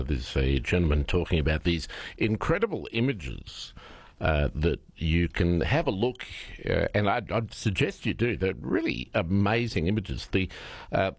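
A man's voice: low voice, no echo. A middle-aged Australian man presenting on local radio in a studio, talking casually and stumbling often over "uh" fillers. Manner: hesitant, many "uh" fillers.

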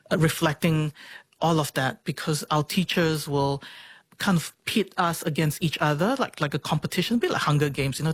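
A woman in her forties with a Singaporean accent talks about herself as an interview guest, earnest and expressive in a reflective, personal way. Her voice is low, and there's no room sound.

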